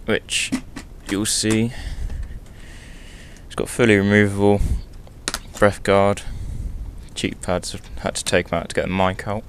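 A young man with a low voice talks in an offhand, chatty way, as in a casual motorcycle vlog. He is hungover and walking through his gear. The helmet-camera recording has a faint rumbly noise behind him. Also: level tone, unhurried. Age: young adult. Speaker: motorcycle vlogger. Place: small bedroom indoors.

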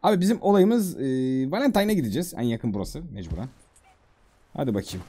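A man streaming a game, chatting casually to himself, reading prompts aloud with a Turkish accent and softly calming his horse. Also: a little high, fast, husky. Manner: repeats soft calming words. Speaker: gaming streamer. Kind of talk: casual let's-play commentary.

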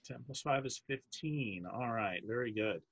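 A man narrating as dungeon master, talking in halting bursts with many restarts and easy laughter. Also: mid-range voice, fairly bright tone, slightly rough. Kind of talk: narrating a tabletop game.

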